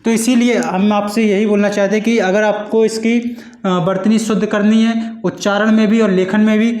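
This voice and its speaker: High-voiced man teaching in an echoey room. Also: little pitch movement, darkish tone. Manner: patient, repeats points and models sounds slowly. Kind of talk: exam-prep Hindi lesson.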